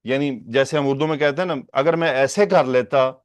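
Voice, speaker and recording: A man's voice: medium pitch, clean tone, no echo, dull audio. Man teaching a religious text, dry sound. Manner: explains slowly, repeating Arabic phrases and asking rhetorical questions. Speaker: hadith teacher. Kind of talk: Urdu lesson on Arabic hadith grammar.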